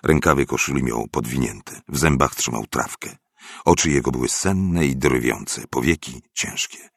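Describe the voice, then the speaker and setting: Deep gravelly guy reading a story, husky, dry close sound. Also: measured pace, fairly bright tone, no room sound. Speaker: narrator. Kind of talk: audiobook reading.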